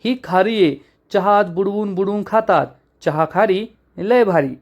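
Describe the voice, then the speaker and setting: A man voicing a chatty, cheeky young wife who teases and argues in rapid, mock-indignant bursts. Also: mid-range voice, darkish tone. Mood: chattering, teasing.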